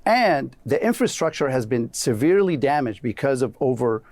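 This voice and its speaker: A man's voice: mid-range voice, sing-song, moderate pace, a little mellow, dry recording. A man from Syria, a former policy adviser, earnestly explaining events as a guest on a news program. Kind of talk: remote news interview.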